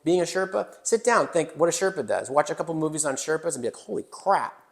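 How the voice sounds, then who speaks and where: A man with a gravelly, fry-edged voice sitting a touch high for a man hosts a casual business podcast. He talks in an animated, joking way, tossing in asides and the odd mild swear, from a newly built indoor studio. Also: fast. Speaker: podcast host.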